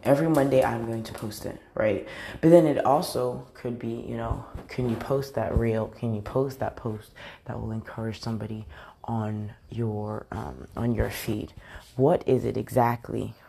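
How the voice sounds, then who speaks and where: A woman's voice: very deep voice, fairly even intonation, normal speed, vocal fry, dark tone, slight background noise. A woman hosting a motivational podcast from a large bathroom, upbeat and repetitive with lots of fillers, sounding groggy with a morning voice from a slight cold. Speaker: podcast host.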